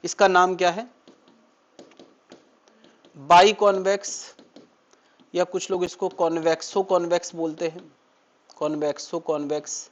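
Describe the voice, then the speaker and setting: High-voiced man teaching a class. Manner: asks the class questions and answers them himself. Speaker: physics teacher. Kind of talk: classroom lecture.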